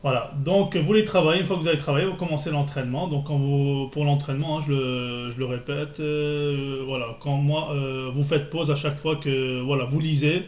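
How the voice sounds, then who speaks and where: A man teaching a beginner lesson, patiently drilling syllables and pausing often with fillers. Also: fairly high pitch, steady tone, a little mellow. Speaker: Arabic teacher. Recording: echoey room with faint noise.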